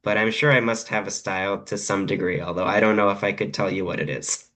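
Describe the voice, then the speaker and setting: A man's voice: on the low side, steady tone, quick pace, a bit bright. A man, a guest translator, explaining his work thoughtfully with some hesitations. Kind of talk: conversational craft discussion.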